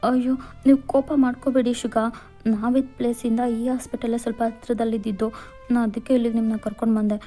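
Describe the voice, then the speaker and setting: A woman narrator voices a flustered young college girl who stammers, pleads and apologizes in a storybook voice-over. Her voice is high, mellow and natural, delivered briskly and flatly, with faint music behind it.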